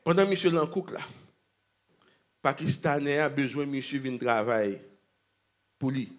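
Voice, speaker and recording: A man preaching a sermon at a church convention, swinging between shouting and hushed storytelling. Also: mid-range voice, animated, normal speed.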